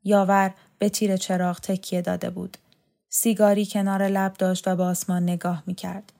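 This is a woman narrating a literary story in a steady, measured way. Her voice has a grainy, gravelly edge, and it barely rises or falls as she reads. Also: mid-range voice. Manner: calm, measured reading with brief acted dialogue. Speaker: audiobook narrator.

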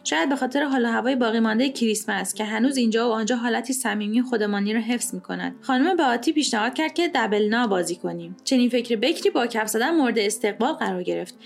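Fairly high-voiced woman narrating a story. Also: creaky. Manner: measured, literary. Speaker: audiobook narrator. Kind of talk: scripted narration of a short story. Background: faint music.

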